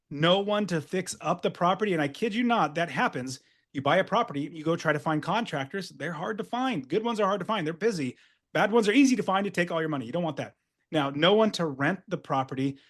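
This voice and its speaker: A man's voice: on the high side, fairly bright tone. Upbeat coach, man with a lightly raised voice. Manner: upbeat, emphatic, salesy. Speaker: real estate investing coach. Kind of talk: webinar sales presentation.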